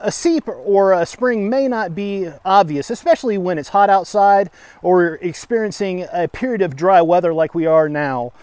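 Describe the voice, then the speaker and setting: A middle-aged man working as a forester, explaining outdoors by a creek in a steady, plain-spoken way with occasional fillers. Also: high-pitched, normal speed, clean tone, no echo. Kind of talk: on-site educational explanation.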